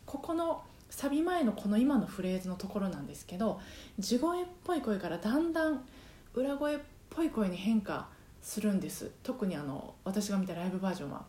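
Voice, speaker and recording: Her medium-pitched voice is warm and sing-song, and she talks fast in a reverberant apartment room. A singing teacher running her own podcast, she keeps it casual and chatty, full of fillers, breaking into short sung phrases to show what she means.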